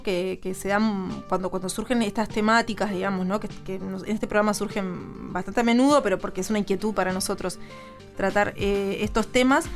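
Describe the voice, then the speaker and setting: A woman co-hosting a radio program, searching for her words with frequent restarts. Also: mid-range voice. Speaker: radio show co-host.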